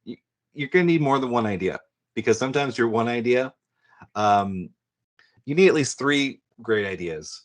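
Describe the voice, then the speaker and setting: A man's voice: mid-range voice, animated, normal speed, pauses often. A man, a guest illustrator telling chatty anecdotes in a podcast interview. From New York. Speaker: guest comic book illustrator. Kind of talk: casual storytelling in a podcast interview.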